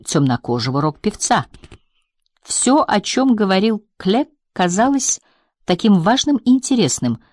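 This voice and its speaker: Woman audiobook narrator, lowish voice, measured reading, dry close sound. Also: a little mellow, dry recording. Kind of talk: scripted narration.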